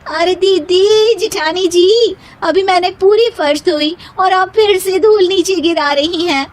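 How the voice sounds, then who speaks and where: A woman voicing a squabbling, whiny young Indian daughter-in-law in an animated moral story. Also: extremely high pitch, unhurried, voice pushed up. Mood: argumentative.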